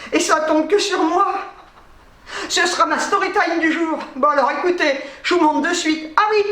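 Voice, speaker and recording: A woman's voice: high voice, fairly bright tone, echoey room. A woman chatting through a shopping haul vlog, agitated, swearing casually and breaking into nervous laughter. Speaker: vlogger.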